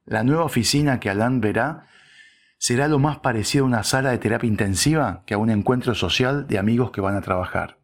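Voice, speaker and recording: A man's voice: mid-range voice, fairly quick. A man reading a scripted opinion piece with wry, sarcastic asides. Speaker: narrator.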